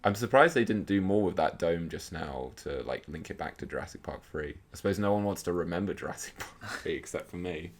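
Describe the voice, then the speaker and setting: A young man co-hosting a film commentary, making dry, murmured asides that often trail off quietly. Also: sits low, animated, brisk, few pauses. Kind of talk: casual film commentary chat.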